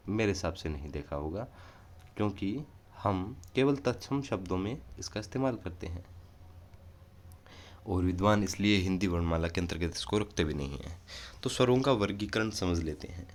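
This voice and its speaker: A man giving a casual online grammar lesson, explaining patiently and pausing on filler sounds, recorded indoors near a railway line. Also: fairly low pitch. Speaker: Hindi grammar teacher.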